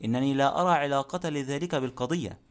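A man's voice: mid-range voice, fast talker, natural voice. A man reading an audiobook, voicing a stubborn, self-assured elderly widowed woman who speaks firmly. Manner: firm, self-assured speech.

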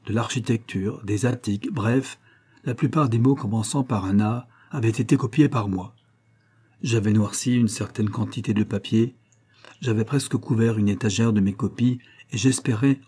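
A man's voice: lowish voice, warm tone, breathy edge. A man reading an audiobook, voicing an indignant middle-aged red-haired pawnbroker telling his story.

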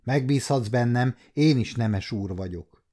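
A man's voice: mid-range voice, warm tone, natural voice. An adult man voicing a scheming, domineering nobleman who speaks in a commanding, mocking way. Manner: commanding, sneering.

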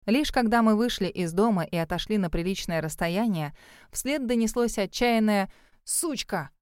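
Woman narrating an audiobook, clear voice. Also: medium pitch, moderate pace, darkish tone, no echo, clean studio sound. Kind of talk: first-person audiobook narration.

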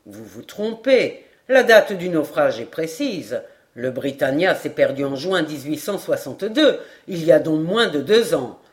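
A woman's voice: sits low, very animated, measured pace, pitched below the performer's own voice. A woman voicing an anxious, impatient nobleman who speaks urgently and insistently in an audiobook reading. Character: anxious, impatient Scottish nobleman, middle-aged.

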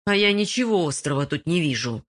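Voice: medium pitch, lively intonation, brisk, a bit bright. A narrator voicing a determined male investigator who barks defiant answers in an audiobook. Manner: barking, defiant.

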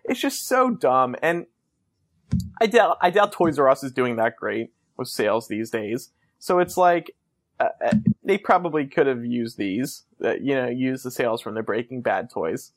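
A man's voice: mid-range voice, expressive, moderate pace, dry recording, clean studio sound. A man hosting a call-in talk show, chatting casually in a hesitant, rambling way.

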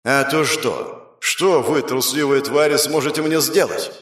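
A man's voice: mid-range voice, big pitch swings, a bit bright, echoey room. A man doing a taunting demon warrior. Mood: sneering. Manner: slow taunting menace. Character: mocking sinister male demon warrior.

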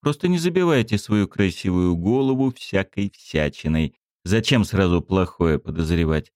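A man voicing a calm, sly young man with a soft, patronizing way of talking. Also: low voice, normal speed, clean tone, no echo, studio quality. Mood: smooth.

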